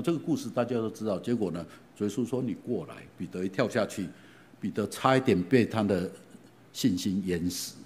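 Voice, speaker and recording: A middle-aged man preaching a sermon, retelling stories in an animated way and often asking his listeners questions. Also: fairly low pitch, a little hiss or hum. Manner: animated, asks the congregation questions, frequent fillers. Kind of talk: sermon storytelling.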